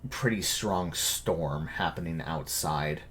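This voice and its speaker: A man narrating as game master of a tabletop game, halting and full of fillers. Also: a bass voice, fairly bright tone.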